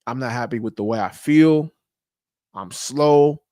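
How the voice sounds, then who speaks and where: A blunt, emphatic man lectures his listeners on getting in shape, swearing casually and dropping slang as he goes. His voice sits at an ordinary mid pitch. The sound is close and dry. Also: unhurried, dark tone, no echo. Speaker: podcast host. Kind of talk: motivational monologue.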